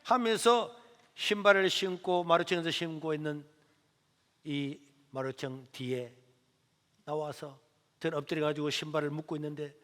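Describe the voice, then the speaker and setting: A middle-aged male pastor tells a story in an animated sermon. His voice is high and bright. It rings out in a reverberant church hall. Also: normal speed, long pauses.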